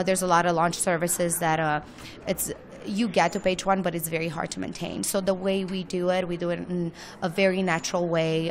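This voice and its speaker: Romanian lady guest, lowish voice, gushing, lots of uh and um. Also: gravelly. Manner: enthusiastic, many fillers. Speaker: guest, launch service owner. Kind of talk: casual interview.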